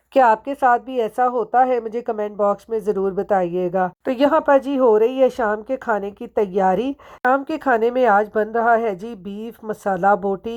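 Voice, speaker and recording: Through dull-sounding audio, a Pakistani woman with a medium-pitched, darkish voice gives a chatty voice-over of her daily routine as a home vlogger. Her throat is sore, and she addresses viewers directly and asks them things.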